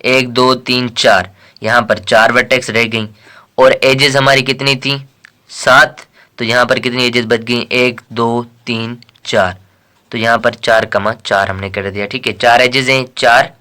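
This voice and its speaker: A man's voice: mid-range voice, fairly even intonation, a little slow, bright, forceful tone. A man from Pakistan teaching a math lesson in a casual lecture style, counting aloud and reading questions before explaining them.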